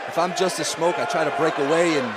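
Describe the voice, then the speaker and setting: A man's voice: on the high side, fairly even intonation, quick pace, a loud crowd, heavy background noise. A man giving casual, chatty live fight commentary as an analyst, thinking aloud.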